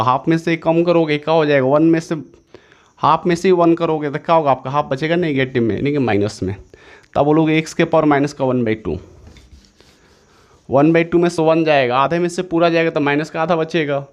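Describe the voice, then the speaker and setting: Speaking briskly in a slightly high voice, a man works through a maths lesson for exam preparation. Each step gets repeated several times, and he keeps self-correcting, saying sorry in the middle of explaining.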